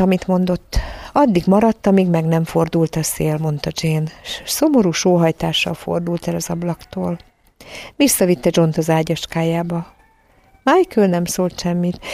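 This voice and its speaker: Low, gravelly woman narrator. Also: mellow, no echo. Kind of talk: storybook narration.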